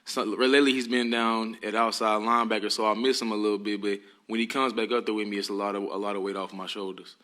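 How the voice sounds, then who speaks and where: A teenage high school football player answering interview questions politely and earnestly. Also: male voice, flat delivery, fast talker, hardly any pauses, sharp tone. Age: teens.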